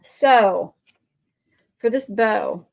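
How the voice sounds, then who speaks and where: Speaking extremely slowly, with vocal fry in a fairly high voice, a woman with a Texan accent hosts a live crafting stream. She rambles on in a friendly way as she works and answers comments from her viewers.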